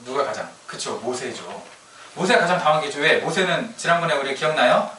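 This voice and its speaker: Bright, jokey pastor. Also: male voice, on the high side, lively intonation, a little fast, slight background noise. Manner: chatty, humorous storytelling with laughs. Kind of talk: sermon. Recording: echoey room from a distance.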